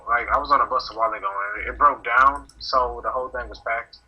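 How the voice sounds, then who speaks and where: Man, podcast co-host, rambling, quick pace, husky tone. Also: medium pitch, fairly even intonation, highs cut off. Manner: rambling, talks over others while gaming. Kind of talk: casual podcast chat.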